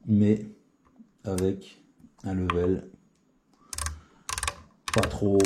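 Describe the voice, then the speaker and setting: Against a noisy background, a man with a deep voice demonstrates radio settings. He's a CB radio enthusiast giving an informal spoken tutorial, hesitating often and restarting with plenty of filler words.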